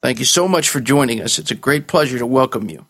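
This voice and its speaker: A man's voice: mid-range voice, lively intonation, quick pace, fairly bright tone, breathy edge. A man hosting an interview in a formal radio style, introducing his guest and putting questions. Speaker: interview host.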